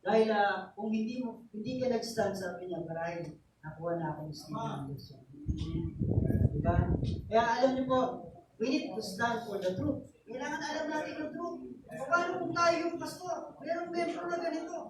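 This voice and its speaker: A man's voice: very high voice, normal speed. A man preaching a sermon as pastor, telling a story in a mix of Tagalog and English and often asking "diba?". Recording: echoey, distant church recording with noise.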